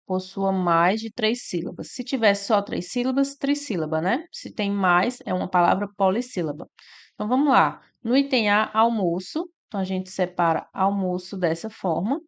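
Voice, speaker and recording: A woman's voice: medium pitch, expressive, moderate pace. A woman, teaching an exam-prep lesson and walking through each answer step by step with frequent tag questions.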